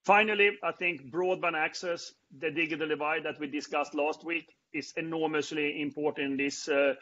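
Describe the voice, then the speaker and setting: Man, middle-aged, Swedish accent, slightly high-pitched, halting speech full of fillers, earbud mic, dull lo-fi call audio. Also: steady tone, pushed and bright, slight background noise. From Sweden. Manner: halting, many fillers and restarts. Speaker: panel host. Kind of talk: video-call panel talk. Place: indoors before a branded backdrop. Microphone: earbuds on a video call.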